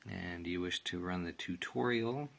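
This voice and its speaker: A product reviewer gives a relaxed, matter-of-fact tutorial one step at a time in an indoor room, where background noise and room ambience are clearly audible. His deep voice is unhurried and slightly bright.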